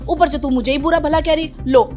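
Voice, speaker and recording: A sharp-tongued, scheming mother, played by a woman, scolds and taunts in a high voice. Soft music runs faintly underneath her lines. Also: fairly even intonation, brisk, close to an everyday voice. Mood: scolding. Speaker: mother-in-law character. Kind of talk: family drama acting.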